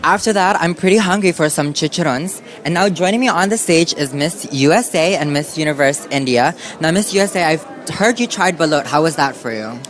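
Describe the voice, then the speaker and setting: A man hosting a live red carpet stage in a casual, excitable and effusive way. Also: on the high side, a little fast, few pauses, music in the background. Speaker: stage host.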